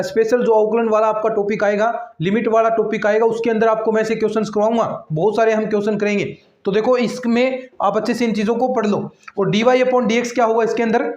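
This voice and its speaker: A high-pitched male maths teacher walks his online students through a method step by step, often repeating himself. His voice rings in an echoey room on a dull, lo-fi recording. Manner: repetitive step-by-step explaining, addressing students directly. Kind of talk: online exam-prep lecture.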